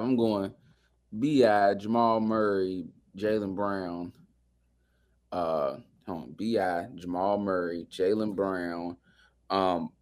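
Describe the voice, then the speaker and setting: A man chatting casually about sports among friends in an agreeable, slangy way. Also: deep voice. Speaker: sports talk panelist.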